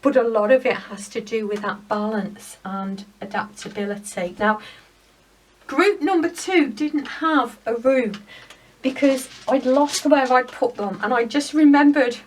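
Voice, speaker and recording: Woman card reader, higher pitch, gentle rambling rune reading, a touch off-mic. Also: unhurried, far from the mic, poor audio.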